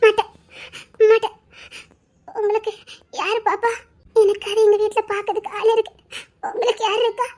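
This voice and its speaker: A tiny, very high-pitched little girl with a Tirunelveli Tamil lilt, as a woman puts her on. She is feverish and caring, and talks softly and tearfully, pleading in a family drama. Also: flat delivery, normal speed, long pauses.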